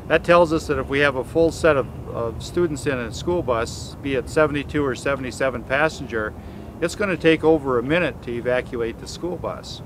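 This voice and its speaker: A man who trains school transportation staff, explaining evacuation steps in a measured, instructive way outdoors. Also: medium pitch, noisy background. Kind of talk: explanatory talk at a training demo. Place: outdoors beside a school bus.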